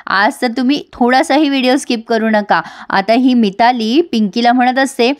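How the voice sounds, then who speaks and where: A woman's voice: fairly high pitch, moderate pace. A woman narrating a casual recap of a TV serial episode and addressing viewers directly.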